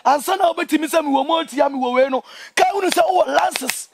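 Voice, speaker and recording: A young Ghanaian man giving an impassioned interview, speaking in an emphatic, indignant and animated way. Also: extremely high pitch, brisk, gravelly, noisy background. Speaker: interview guest, traditional priest. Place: outdoors among trees.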